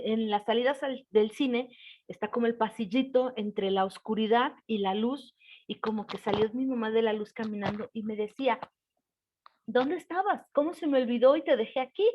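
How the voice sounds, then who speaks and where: A woman's voice: fairly high pitch, darkish tone, lo-fi sound, slight background noise. A woman telling a personal story in a casual, hesitant way, with many fillers.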